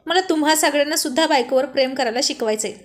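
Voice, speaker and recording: A woman's voice: high voice, quick pace, natural voice. A woman reading the lines of a playful young married man who banters and mock-scolds his friends. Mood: teasing.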